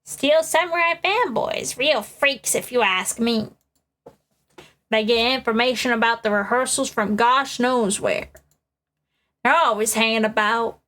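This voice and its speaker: Woman doing cranky old lady guard, squeaky high and sharp, gossips and grumbles. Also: measured pace. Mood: grumbling. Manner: fussy, scolding old-lady drawl. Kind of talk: playful voiced reading of game dialogue.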